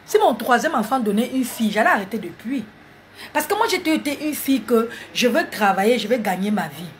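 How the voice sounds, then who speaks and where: A woman's voice: fairly high pitch, big pitch swings, a little fast, a little hiss or hum. A woman, mocking and scolding viewers in a heated live stream on her phone. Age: 40s.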